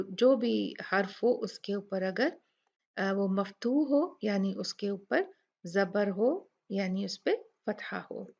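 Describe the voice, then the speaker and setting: A woman teaching Quran recitation rules, explaining patiently, repeating words slowly and asking rhetorical questions. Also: mid-range voice, vocal fry, a little mellow. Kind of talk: slow explanatory lesson with recited examples. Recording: dull lo-fi recording.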